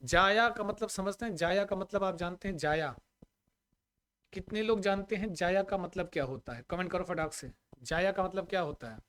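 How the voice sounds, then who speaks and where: Male Sanskrit tutor with a raised, high voice, live online class, repeats questions to students, chants examples slowly. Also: fairly bright tone, slight background noise. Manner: drills students with repeated questions and checks on the audio; recites Sanskrit compound examples in a measured, chanting way. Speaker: Sanskrit teacher.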